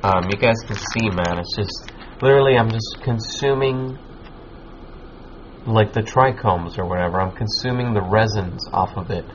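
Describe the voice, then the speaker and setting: A man with a fairly low voice talks like a laid-back stoner, rambling in loose slang and swearing freely. He hosts in a casual chatting style. The recording is a bit dull, with faint noise behind him. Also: moderate pace. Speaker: podcast host. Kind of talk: casual chat, giving advice. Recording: muffled lo-fi with background noise.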